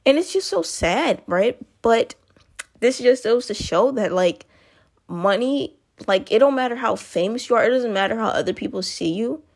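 A woman's voice: on the high side, lively intonation, normal speed. A woman talking casually to her listeners in a loose, rambling monologue, often correcting herself mid-sentence and calling out to the audience.

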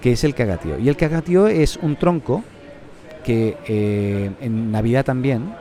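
A man's voice: mid-range voice, lively intonation, unhurried, mellow. A man with a Catalan accent hosting a casual podcast, rambling and joking with lots of restarts. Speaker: podcast host.

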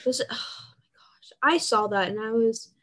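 A young woman chatting casually about hockey with friends, animated and full of fillers. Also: on the high side, moderate pace.

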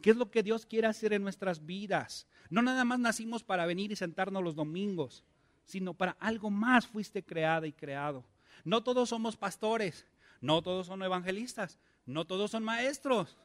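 A man's voice: high-pitched, normal speed. A male pastor, preaching a conversational sermon and asking his congregation many questions.

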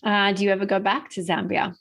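A woman's voice: mid-range voice, flat delivery, brisk, gravelly, fairly bright tone. A woman co-hosting a podcast, chatting casually and asking questions in a friendly way, laughing often. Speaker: podcast co-host. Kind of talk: casual interview chat.

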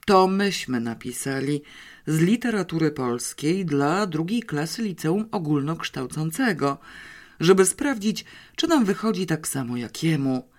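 An audiobook narrator voicing an energetic, impulsive schoolboy who blurts out his answers. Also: mid-range voice, unhurried, natural voice. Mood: excited. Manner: blurting, determined, loud. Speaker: child character in an audiobook. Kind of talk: audiobook character reading.

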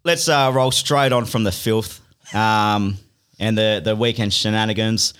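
A man's voice: fairly low pitch, fairly even intonation, measured pace, fairly bright tone, clean tone. Hungover young Australian podcast host, a laddish man. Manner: laddish, slangy, swearing. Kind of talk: casual banter and interviewing. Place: podcast studio.

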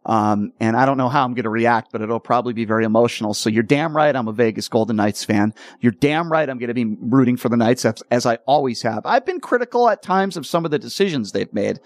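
A man hosting a sports talk radio show, talking in an earnest, halting way with repeated words, choked up with emotion. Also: medium pitch, expressive, no echo, clean studio sound.

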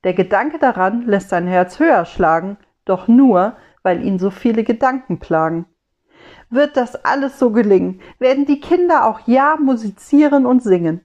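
A woman storyteller reciting a rhymed Christmas poem in a measured way, on a slightly dull lo-fi recording. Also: on the high side, animated, darkish tone. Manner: slow, measured rhyming recitation.

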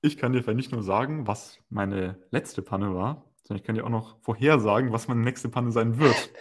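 A young man co-hosting a podcast chats casually at a moderate pace in a mid-range voice, using informal, slangy language.

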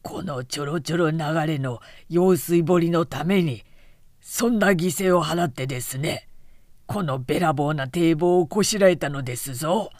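A woman voicing a very hoarse male samurai retainer who talks in an earnest, insistent way. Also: on the high side, normal speed, dry recording, studio quality, lightly acted. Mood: indignant. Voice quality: very hoarse, rasping.

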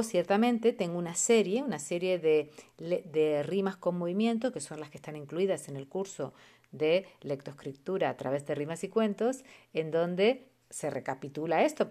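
A woman with a fairly low voice teaches on her own podcast. Her delivery is calm and explanatory, and she slows right down whenever she recites an example. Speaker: podcast host and early literacy educator. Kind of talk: educational podcast talk.

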